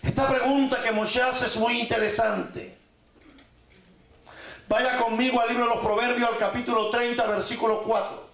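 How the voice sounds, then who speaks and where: A man teaches his congregation in a high, gravelly voice. He jokes and corrects pronunciation, stretching words out slowly. The room adds a clear echo. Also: flat delivery, fairly bright tone. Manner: joking, corrects pronunciation with drawn-out repetition. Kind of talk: sermon teaching.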